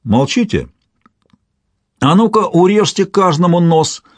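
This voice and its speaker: A man's voice: medium pitch, big pitch swings, unhurried, slightly rough, no room sound. A man voicing a stern, angry military commander who barks harsh orders in a historical audiobook. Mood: harsh commanding.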